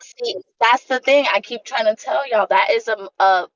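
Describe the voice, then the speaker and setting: Woman from Bangladesh, casual chat, emphatic, animated, dull lo-fi stream audio. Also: on the high side, moderate pace, no room sound. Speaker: livestream guest.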